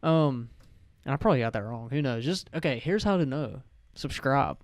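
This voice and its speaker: A man's voice: medium pitch, lively intonation, normal speed, no echo. A young man hosting a casual podcast chat, rambling and correcting himself as he goes. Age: young adult. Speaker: podcast host.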